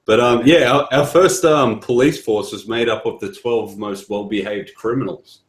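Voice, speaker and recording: A man's voice: mid-range voice, normal speed. A man in casual voice-call chat, hesitant and repeating words, his voice echoing in a room. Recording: roomy echo on call.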